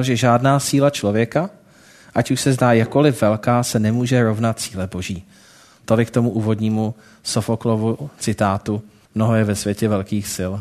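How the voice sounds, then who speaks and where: A man's voice: mid-range voice, darkish tone. A man telling a moral story in a sermon, breaking off now and then for casual asides to his listeners.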